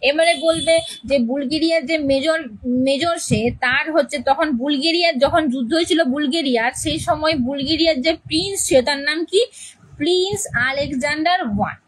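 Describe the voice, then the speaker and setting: A woman's voice: high-pitched, a little fast, low-quality recording. A woman English teacher explaining a play's characters to students, repeating key words and often checking that they understand.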